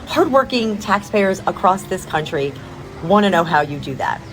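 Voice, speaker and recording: A woman's voice: fairly low pitch, expressive, moderate pace, a little hiss or hum, rough recording. A woman giving a pointed, sarcastic political speech.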